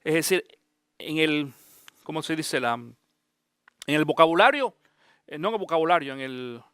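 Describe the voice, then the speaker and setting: High-voiced pastor teaching the Bible. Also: male voice, clear, resonant tone, no echo, studio quality. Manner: animated, asks listeners direct questions.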